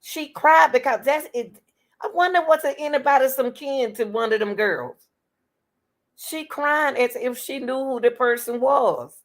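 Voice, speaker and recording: Animated woman reacting to a case. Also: high-pitched, unhurried. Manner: animated, talks straight to the audience, exclaims and questions; breaks off reading to argue with the material. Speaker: true-crime commentary host. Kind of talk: casual commentary reading case details to viewers.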